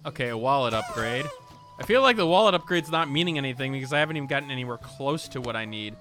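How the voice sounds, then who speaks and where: A man with a mid-range, fairly bright voice talks quickly and with lively intonation over soft background music. He's a gaming video host rambling through off-the-cuff let's play commentary, interrupting himself and reading out game text.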